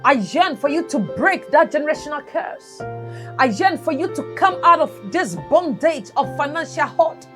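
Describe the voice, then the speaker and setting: Over music, a high-voiced, expressive woman speaks at normal speed as host of a personal finance channel. Alone on camera, she addresses viewers earnestly, somewhat preachily, and asks what they would do.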